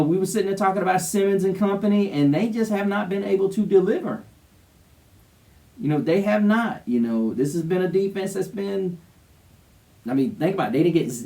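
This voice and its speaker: A man's voice: high voice, a little mellow, distant mic. A man co-hosting a sports show, giving casual, emphatic, opinionated commentary. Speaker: co-host of a college football show.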